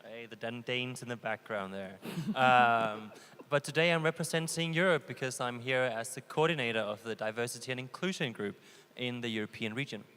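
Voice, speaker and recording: Man, smooth and clear, relaxed, joking panelist, echoey hall. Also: mid-range voice, a little fast. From Denmark. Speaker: diversity group coordinator. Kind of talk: panel self-introduction. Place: large conference hall.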